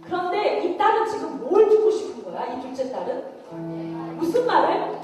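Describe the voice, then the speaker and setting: High, lively woman preacher, echoey hall, mic far away. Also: moderate pace. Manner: animated, questioning the audience. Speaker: missionary preacher. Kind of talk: storytelling sermon. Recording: echoey hall, distant mic, faint music.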